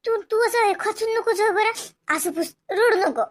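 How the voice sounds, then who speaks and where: A woman voicing a caring adult sister in an animated comedy, chattering and fussing with a Varhadi Marathi accent. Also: very high-pitched, normal speed. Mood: comforting.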